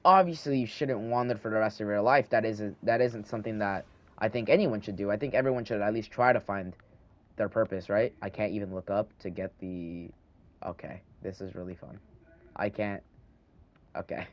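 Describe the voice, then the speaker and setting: Talking into a handheld mic as he plays a video game at home, a teen boy hosting a gaming channel rambles, thinks aloud, and restarts frequently; he has a slight lisp. His voice is lowish and his pace normal.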